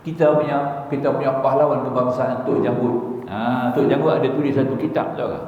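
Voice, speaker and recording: A man's voice: medium pitch, fairly even intonation, brisk, a little mellow. A man giving a religious lecture, telling stories with humor and often asking the listeners whether they see his point. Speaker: religious teacher. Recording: echoey hall, dull lo-fi sound, faint hiss.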